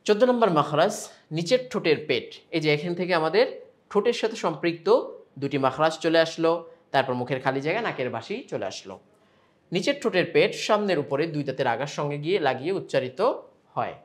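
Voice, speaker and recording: A man's voice: fairly high pitch, animated, fast. A man with a Bangladeshi Bengali accent teaching Quran pronunciation step by step, stretching out sample sounds between explanations.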